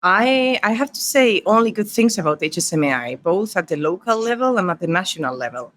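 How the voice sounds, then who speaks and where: A middle-aged woman with a Spanish accent talks as a podcast guest. She tells her stories warmly and lays out her points one by one. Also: mid-range voice, expressive, fairly quick. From Spain. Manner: warm storytelling, counts off her points. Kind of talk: podcast interview.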